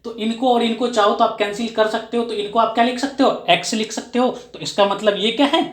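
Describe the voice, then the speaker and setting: A slightly high-voiced woman teaches a maths lesson, stopping again and again to ask a question and answer it herself. She repeats key phrases to drive them home. The room around her is noticeably echoey. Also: fairly even intonation, a little fast. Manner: keeps asking and answering her own questions. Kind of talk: explanatory classroom lesson.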